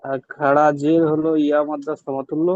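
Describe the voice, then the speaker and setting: Flat-voiced male student on a muffled line. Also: fairly high pitch, no room sound. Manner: reciting answers haltingly. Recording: muffled call audio.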